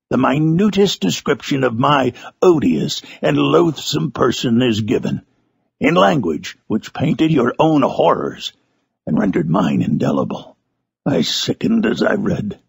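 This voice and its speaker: Frankenstein's monster, deeply gravelly and wretched. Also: male voice, no echo, full character voice. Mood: bitter, sorrowful. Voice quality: very gravelly, raspy. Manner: grave, formal, anguished theatrical delivery. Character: Frankenstein's monster, wretched, eloquent, brooding male creature. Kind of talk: dramatic audiobook monologue from a gothic novel.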